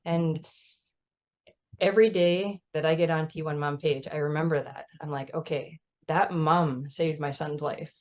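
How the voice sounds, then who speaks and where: A woman's voice: sits low, steady tone, a little slow. A mother of a child with type 1 diabetes, talking earnestly and emphatically in a casual chat over a video call, often adding "right?". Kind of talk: casual conversational storytelling.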